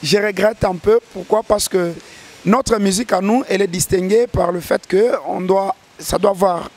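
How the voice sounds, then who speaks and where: At a moderate pace, a man from DR Congo speaks in a high, darkish voice with fairly even intonation. He's a gospel singer in an interview, earnest and hesitant, frequently beginning his sentences over.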